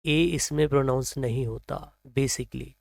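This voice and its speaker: A man with an Indian accent teaching English pronunciation, reading example sentences slowly and then explaining them. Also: medium pitch, fairly even intonation, gravelly, no room sound, clean studio sound. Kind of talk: slow explanatory lesson, mixing Hindi and English.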